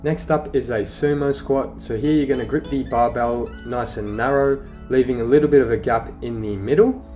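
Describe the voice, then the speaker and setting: Young male fitness coach, casual voice-over, soft music behind. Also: medium pitch, normal speed. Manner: relaxed, casual coaching with fillers. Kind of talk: instructional voice-over. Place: living room home gym. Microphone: voice-over, recorded separately.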